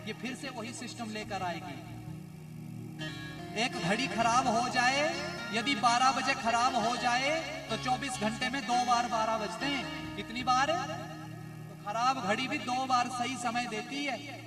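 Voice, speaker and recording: A man's voice: extremely high pitch, a little slow, distant mic, music in the background. A man with a Himachali accent giving a devotional sermon in a folksy way, often asking his listeners questions. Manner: folksy, asks the crowd questions. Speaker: kathavachak preacher. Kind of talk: devotional discourse. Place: religious gathering.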